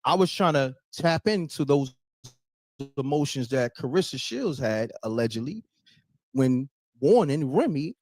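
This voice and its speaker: A man's voice: medium pitch, expressive, measured pace, a little mellow, dry recording. A man hosting a live call-in show, talking casually and hyping up his audience. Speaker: livestream host taking calls. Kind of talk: casual hype talk show.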